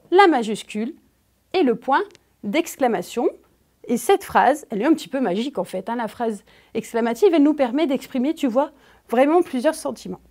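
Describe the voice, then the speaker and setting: A French woman gives a grammar lesson to a child, talking straight to the pupil. Her voice sits high and moves a great deal, and she speaks slowly. She leans hard on the important words. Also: darkish tone. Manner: slow, emphatic, addresses the pupil directly. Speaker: teacher.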